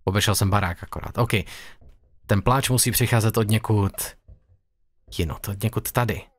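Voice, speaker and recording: A young man with a fairly low, fairly even voice plays a horror game, talking to himself in jittery, joking let's-play commentary. The recording is dry.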